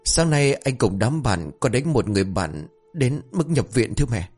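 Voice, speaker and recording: A man's voice: medium pitch, sing-song, moderate pace, darkish tone, slightly rough, voice pushed up. A respectful young daughter from a narrated family story, as a male reader puts her on, her raised voice full of concern. It moves up and down lightly over faint music. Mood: worried. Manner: polite, respectful. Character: polite worried young daughter.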